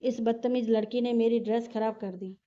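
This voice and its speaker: Snappy spoiled young woman, rude, higher voice, as a female narrator reads her. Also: steady tone, moderate pace, close to an everyday voice. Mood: angry. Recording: dull lo-fi recording.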